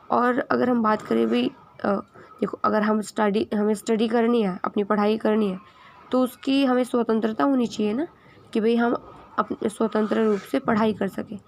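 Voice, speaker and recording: A woman's voice: a little high, creaky, a little mellow, a little hiss or hum. A woman with a sore throat giving a casual video lesson, mixing in English words and asking herself questions, then answering them. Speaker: teacher.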